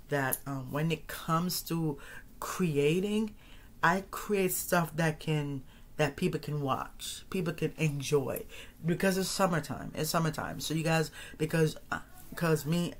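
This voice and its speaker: His voice fairly high and bright, the man in his thirties delivers a loose solo monologue on his podcast, wandering between thoughts and often repeating himself or starting sentences over.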